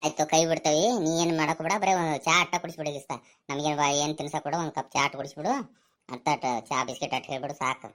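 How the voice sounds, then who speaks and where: Lady doing a low-voiced village guy who's always coaxing, north karnataka accent, talks quick. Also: level tone, natural voice. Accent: North Karnataka Kannada. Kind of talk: comic village skit.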